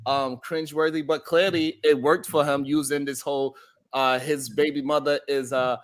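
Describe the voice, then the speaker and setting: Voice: mid-range voice, little pitch movement, moderate pace. A host giving casual live commentary, thinking aloud in a hesitant way.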